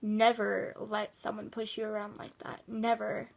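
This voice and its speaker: A woman's voice: medium pitch, monotone, unhurried, gravelly. A woman vlogger giving earnest, emphatic advice to a viewer, upset and repeating her points. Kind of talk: casual advice vlog.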